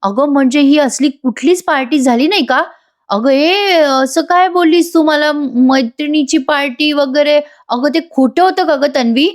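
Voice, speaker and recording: A woman's voice: fairly high pitch, steady tone, quick pace, hardly any pauses, lightly acted. A woman voicing a young husband who fires raised, disbelieving questions at his wife. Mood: shocked. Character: young husband, shocked and angry.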